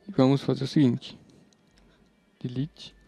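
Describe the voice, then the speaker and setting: This programming teacher has a Brazilian Portuguese accent and a medium-pitched voice that is warm, husky and creaky, with a level, unhurried delivery. He narrates a laid-back screen-recorded tutorial in a chatty, informal way, reasoning aloud while he works. Soft music plays behind the dull, slightly lo-fi sound.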